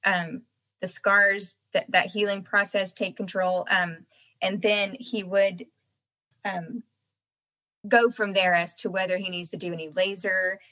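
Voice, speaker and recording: A woman's voice: mid-range voice, fairly even intonation, measured pace, pushed and bright. An American woman chatting casually as a podcast guest, talking out of one side of a swollen mouth and laughing as she goes. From United States. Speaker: podcast guest, singer-songwriter. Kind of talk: casual chat.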